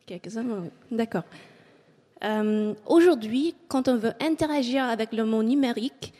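A woman with an English Canadian accent reads from notes as she gives a talk in French to an audience in an auditorium, hesitating frequently with filler sounds. Her voice is a little high, expressive, unhurried and dark in tone, and long hall reverb fills the recording.

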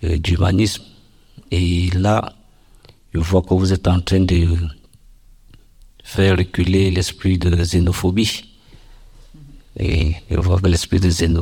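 A man's voice: low-pitched, darkish tone, husky. A man from Cameroon, giving a formal, earnest personal testimony at a workshop.

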